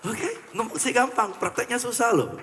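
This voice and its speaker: A man giving a live motivational talk, animated and playful with the audience, mixing English phrases into his speech. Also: extremely high pitch, moderate pace, slight background noise. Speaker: motivational speaker. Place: large hall with an audience. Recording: long hall reverb.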